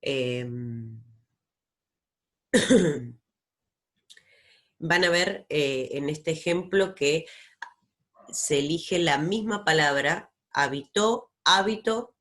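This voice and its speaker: A woman teaches a recorded lesson. She speaks at an unhurried pace, pausing often and filling gaps with soft hesitations as she explains step by step. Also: deep voice. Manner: slow, patient explaining with many pauses and fillers. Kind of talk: recorded lesson over slides.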